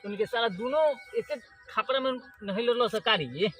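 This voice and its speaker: Mocking village buddy, male actor, Bhojpuri accent, high voice, complaining and jeering, broad comedy. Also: normal speed, a bit bright, soft background music. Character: mocking, cursing village buddy in a slapstick skit.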